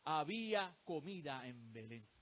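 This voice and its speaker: Lively, high-pitched male preacher. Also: unhurried. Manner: animated, rhetorical questions to the congregation. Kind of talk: sermon.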